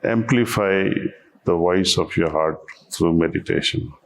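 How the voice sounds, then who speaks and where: A man with a very low, gravelly voice talks slowly as a spiritual teacher. His delivery is measured and reflective, and his words come unhurried. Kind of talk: calm spiritual conversation.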